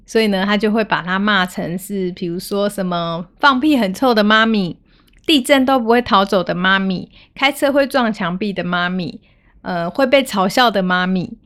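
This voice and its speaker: Calm mother hosting a parenting podcast. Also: mid-range voice, smooth. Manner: calm, gentle retelling of a family story. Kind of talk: storytelling podcast talk.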